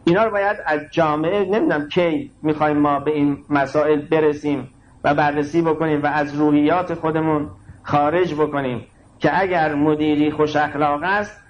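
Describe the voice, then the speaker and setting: A man giving a sermon that explains scripture, with emphatic delivery that moves between slow stressed words and quick asides. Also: on the high side, lo-fi sound, slight background noise. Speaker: religious lecturer.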